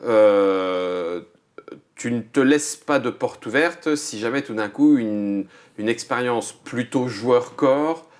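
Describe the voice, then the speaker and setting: A man's voice: medium pitch, takes it slowly. A man hosting a casual interview, playful and joking as he asks questions. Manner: playful, jokey, prompting questions. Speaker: show host.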